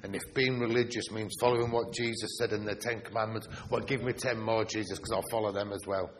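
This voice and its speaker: A fairly low-voiced man from Yorkshire, England delivers a sermon in a church, his steady tone echoing with long reverb through the hall. He draws out emphatic stresses on single words and poses rhetorical questions to the congregation, over a faint hiss.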